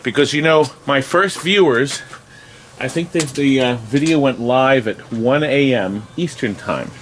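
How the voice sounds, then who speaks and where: A man's voice: medium pitch, a little slow, a little hiss or hum. A man hosting a casual walk-through tour video, chatty and rambling with jokey asides. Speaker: host giving a video tour of his arcade business. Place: indoors in an arcade game warehouse.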